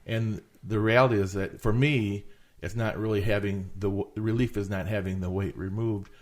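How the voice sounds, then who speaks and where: A man's voice: fairly low pitch, fairly even intonation, normal speed. A man co-hosting a casual ministry podcast, thoughtful and playful with words.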